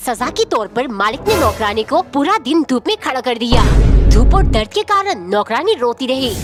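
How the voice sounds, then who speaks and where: High-voiced woman narrating a cartoon. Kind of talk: scripted comic narration. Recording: loud background music.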